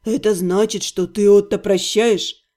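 A woman voicing a quiet, patient older male healer in an audiobook, speaking softly and calmly. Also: medium pitch, a little slow, voice pushed down, natural voice. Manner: quiet, patient, near-whisper. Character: calm older male healer, soft-spoken.

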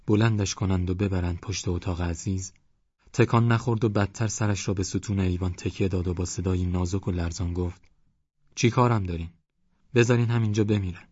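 A man with a deep, low voice reads a novel aloud at a steady, measured pace. The studio sound is very dry and a little dull. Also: husky, no echo. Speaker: audiobook narrator. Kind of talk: scripted narration.

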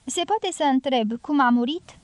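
A woman reading an audiobook, voicing a loud, blunt, domineering middle-aged guerrilla woman in a raised, forceful voice. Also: sits high, clean tone, no room sound, close to an everyday voice. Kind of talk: audiobook character voice.

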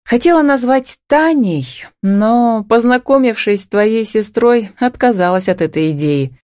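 A woman narrator voicing a shy, soft-spoken young pregnant woman in an audiobook. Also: mid-range voice, expressive, a little slow, no echo, studio quality, pitched above the performer's own voice. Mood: tender.

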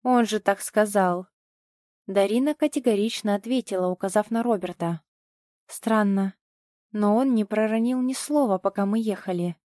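A woman's voice: mid-range voice, moderate pace, dark tone, no room sound, clean studio sound. A woman reading a first-person audiobook with tense, emotional storytelling. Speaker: audiobook narrator.

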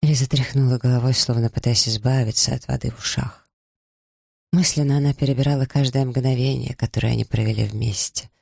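A man giving measured, dramatic audiobook narration. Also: medium pitch, fairly even intonation, creaky, a little mellow, breathy edge, no room sound, clean studio sound. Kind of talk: scripted narration.

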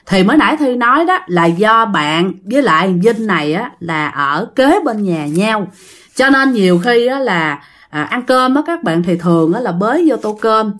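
A woman tells ghost stories in a relaxed, conversational style. She chats loosely, fills her sentences with small fillers, and keeps speaking straight to her listeners. Her voice sits at a middle pitch. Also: moderate pace. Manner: chatty, addresses listeners often, many fillers. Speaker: storyteller. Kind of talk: casual ghost story retelling.

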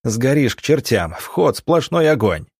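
A man's voice: mid-range voice, big pitch swings, unhurried, a little mellow, breathy edge, no room sound, clean studio sound, voice pushed up, exaggerated voice. A man reading the part of a blunt, brave army captain who barks short, urgent commands. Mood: urging.

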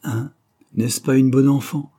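A man's voice: mid-range voice, fairly even intonation, measured pace, warm tone, husky, pitched above the performer's own voice. A man reading an audiobook, voicing a smug young journalist with glib, teasing banter.

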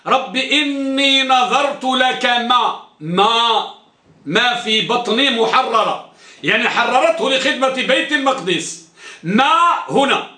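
Male teacher, high bright voice, quizzes his class and repeats key terms, echoey classroom. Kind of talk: classroom grammar lesson. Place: classroom with students.

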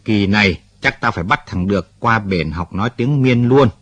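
A man's voice: on the low side, normal speed, fairly bright tone, slightly rough, dry recording. A man voicing an older rural man who is blunt but kind-hearted. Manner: scolding yet fatherly, talks bluntly.

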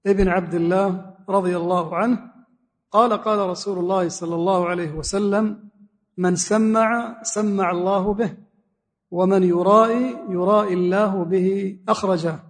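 High-voiced sheikh teaching in a reverberant mosque. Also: male voice, fairly even intonation, normal speed, pauses often. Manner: explains word by word, repeats key phrases. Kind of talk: religious lesson explaining a hadith text. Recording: long reverb of a mosque hall.

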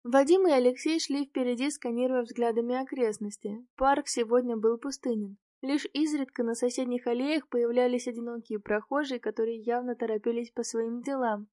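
A woman reading a novel aloud in the first person, with clear, expressive storytelling. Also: a little high, normal speed, few pauses, dry recording, clean studio sound. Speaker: audiobook narrator.

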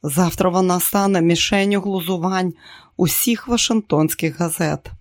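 An audiobook narrator reading a novel aloud in a steady, even manner. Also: medium pitch, moderate pace, no echo, clean studio sound.

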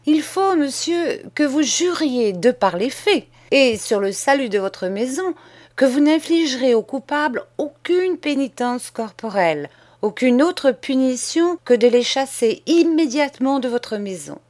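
A woman voicing a calm, defiant young schoolboy who speaks politely but firmly in an audiobook. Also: high-pitched, a little slow, pitched above the performer's own voice. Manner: polite, firm and unyielding. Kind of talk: audiobook character reading.

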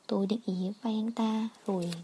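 A woman narrating a first-person story in a quiet, wistful reading. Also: medium pitch, fairly even intonation, moderate pace, a little hiss or hum.

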